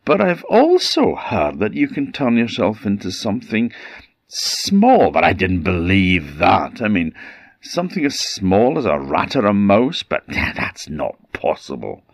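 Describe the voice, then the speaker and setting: A man voicing a sly, flattering male cat in a storybook tale, raised higher than his own voice. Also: extremely slow, gravelly, husky, no room sound, clean studio sound, full character voice. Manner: fawning, wheedling.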